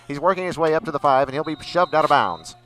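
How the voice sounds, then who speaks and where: A man doing an old-time radio sports announcer voice, rapidly calling the play-by-play. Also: on the high side, a bit bright, natural voice, poor audio. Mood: brisk. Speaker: play-by-play commentator.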